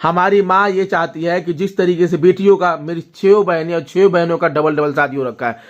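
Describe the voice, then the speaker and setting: A young man talks to the camera and tells a long family story. His voice sits a little high, and the recording is dull and lo-fi. He keeps checking in with his viewers as he goes. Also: steady tone, normal speed. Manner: storytelling, addresses viewers directly with frequent "ठीक है?". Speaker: vlogger. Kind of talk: casual talk to camera.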